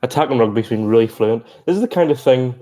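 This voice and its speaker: A man giving chatty, excitable live reaction commentary on a rugby match, breaking into exclamations. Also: mid-range voice, fast talker. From Ireland. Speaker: sports reaction streamer.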